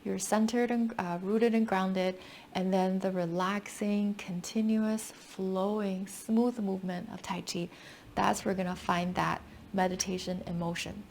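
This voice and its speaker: A woman teaching tai chi step by step with calm, gentle, unhurried cues. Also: medium pitch, creaky, a little hiss or hum. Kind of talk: step-by-step movement instruction.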